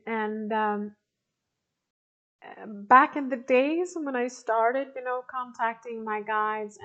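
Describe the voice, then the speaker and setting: A woman in her forties with a slightly high voice talks loosely to a group of participants. She often trails off and restarts, laughing softly now and then. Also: lo-fi sound. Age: 40s. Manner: hesitant, many restarts and soft laughs. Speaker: spiritual teacher answering participant questions. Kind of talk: casual talk to an online group.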